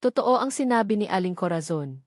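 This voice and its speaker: A woman's voice: medium pitch, animated, brisk, darkish tone, no echo, studio quality, close to an everyday voice. A woman reading the lines of a fearful, guilt-ridden mother in a family drama story, in a pleading, apologetic way.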